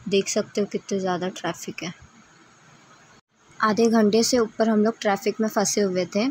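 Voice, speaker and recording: This travel vlogger speaks at a normal speed in a mid-range voice with fairly even intonation. She's chatty and addresses her audience directly as friends, though the recording is poor and has some background noise.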